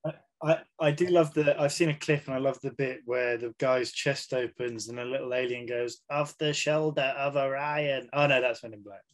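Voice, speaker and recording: A man's voice: mid-range voice, steady tone, a little fast, hardly any pauses. A young man in his twenties co-hosting a film podcast, cutting in with jokes. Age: 20s. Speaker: podcast co-host.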